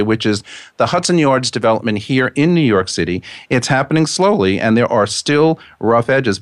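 A male radio host with a fairly low voice reads prepared notes and adds his own asides, occasionally tripping over a word. The sound is dry, with no room around it. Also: no echo.

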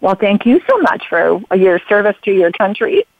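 A radio show host with a medium-pitched, very animated voice interviews a guest at a normal pace, talking in long rambling runs full of fillers and restarts that drift into personal stories. The recording is dry, with a narrow, phone-like sound.

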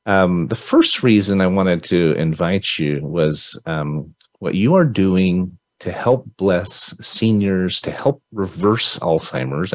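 A man's voice: deep voice, dry recording. A man hosting a casual interview podcast, praising his guest in an effusive, rambling way with many restarts. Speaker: podcast host.

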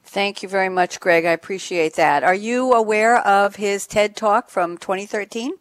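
A woman's voice: mid-range voice, normal speed, no echo. A woman hosting a panel discussion podcast, introducing guests and reading background aloud with enthusiasm. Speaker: podcast host.

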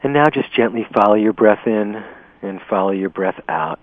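A man leading a guided meditation in a slow, gentle, soothing way, heard over a narrow radio broadcast. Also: fairly low pitch, no room sound. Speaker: meditation teacher.

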